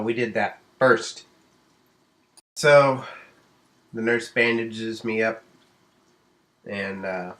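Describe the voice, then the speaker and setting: Slow-talking man telling a story. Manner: animated retelling with sudden high exclamations; drawling, rambling with many fillers. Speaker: vlogger. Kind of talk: casual storytelling vlog.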